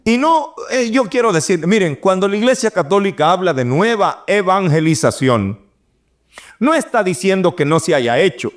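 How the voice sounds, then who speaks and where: A middle-aged man, preaching an animated sermon and acting out the voices he quotes. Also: high voice, moderate pace.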